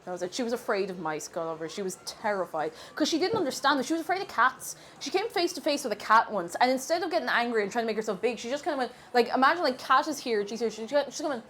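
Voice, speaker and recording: Cooking live on stream while sniffling with a cold, an Irish woman talks casually to her viewers in a fairly high voice, quick and with few pauses. She's chatty and animated and warmly thanks those watching, with a touch of hiss or hum in the background.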